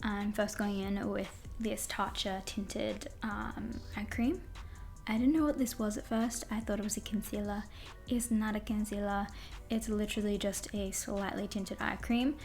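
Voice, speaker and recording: In a casual makeup tutorial, a young beauty vlogger chats in a bubbly, rambling way, laughing at herself. Her husky voice is middle-pitched and a little mellow, a little slow, with fairly even intonation. Faint music runs under the roomy echo of her small room.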